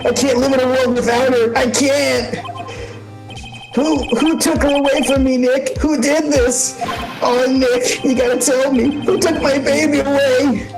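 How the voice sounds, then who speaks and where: A man voicing a melodramatic, hapless young man in despair, with overwrought wailing over loud game music. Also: very high voice, fairly even intonation, unhurried, poor audio. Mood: pleading.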